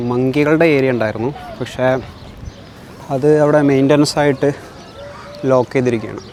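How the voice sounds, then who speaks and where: A man's voice: medium pitch, darkish tone. Malayali man vlogging, mixing in English. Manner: mixes English words into Malayalam. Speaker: vlog host. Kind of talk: casual vlog commentary. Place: outdoors in a zoo park. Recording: clear outdoor ambient noise, birds.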